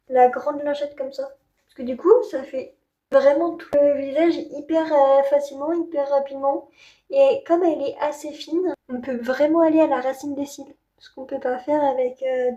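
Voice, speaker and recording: A woman's voice: high voice, steady tone, moderate pace, dark tone, dull audio. A woman with a Parisian French accent chatting informally and candidly through a beauty product demo. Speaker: beauty vlogger reviewing skincare. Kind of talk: casual product demo chat.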